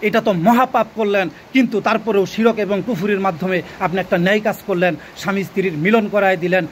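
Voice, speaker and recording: A man's voice: sits high, steady tone, fairly quick, slight background noise. A man, a folk healer giving an instructional talk, repeating phrases for emphasis and often checking that the listener has understood.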